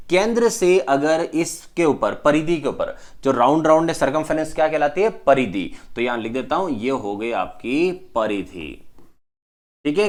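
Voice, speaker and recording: Emphatic higher-voiced male maths teacher. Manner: emphatic, asks the class questions and answers them himself. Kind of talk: whiteboard maths lesson.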